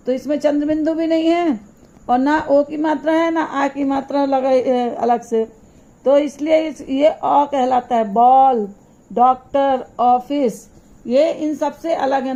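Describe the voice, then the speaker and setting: A woman teaching a primary school lesson, explaining slowly and answering her own questions as she goes. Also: high voice, dark tone, dull audio. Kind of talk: recorded classroom lesson.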